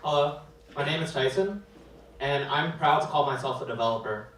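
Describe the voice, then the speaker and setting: A man's voice: on the high side, normal speed, heavy background noise. A man giving a proud, scripted presentation as a developer. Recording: echoey hall mic from a distance.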